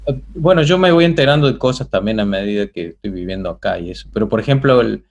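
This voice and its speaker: A man's voice: lowish voice, expressive, fast, vocal fry, lo-fi sound. Rambling Argentine man on a call. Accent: Argentine Spanish. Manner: rambling, full of fillers and restarts. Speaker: interview guest. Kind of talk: casual interview chat.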